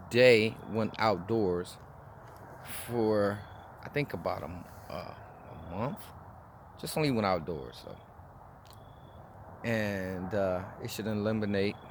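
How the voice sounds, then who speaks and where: Vlogger, man in his forties, low voice, loose rambling delivery, street noise behind. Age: 40s. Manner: rambling, with frequent restarts and fillers. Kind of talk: casual personal review.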